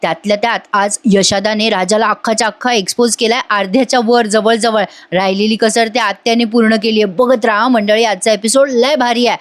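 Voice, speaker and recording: Chatty female serial reviewer, voice-over, fairly high. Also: steady tone, a little fast, hardly any pauses. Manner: chatty, addresses viewers directly. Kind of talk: voice-over episode recap.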